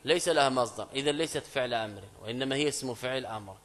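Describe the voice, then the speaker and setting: A man teaching an Arabic grammar lesson in a mosque. He explains step by step, repeats key phrases, asks students checking questions, and reads quoted examples slowly and louder. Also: mid-range voice. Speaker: Islamic scholar teaching grammar. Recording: long mosque reverb.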